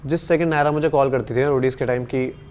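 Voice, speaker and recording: A young man in a casual interview, pressing his points hard and dropping English phrases into his sentences. His voice sits at an ordinary mid pitch. A faint hum of background noise runs behind him. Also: steady tone, fast, darkish tone. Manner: emphatic, argumentative, mixes in English phrases. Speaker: interview guest, reality show contestant.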